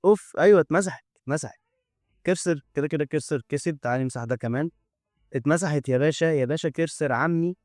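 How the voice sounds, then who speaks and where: A man's voice: medium pitch, a little mellow, dry recording, clean studio sound. Egyptian man thinking aloud over a demo. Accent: Egyptian Arabic. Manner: chatty, thinking aloud, joking asides. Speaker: tech YouTuber. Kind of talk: casual screen-recorded coding demo.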